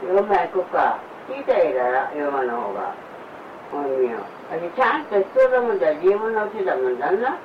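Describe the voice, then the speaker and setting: A woman's voice: lowish voice, big pitch swings, fairly quick, background noise. An older woman grumbling and repeating the same complaints, recorded at home. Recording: distant, dull home recording.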